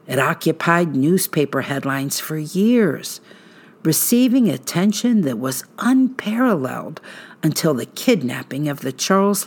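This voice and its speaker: A woman hosting a podcast, narrating a true-crime script in a suspenseful, measured storytelling manner with dramatic pauses. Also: low voice, a little mellow, husky.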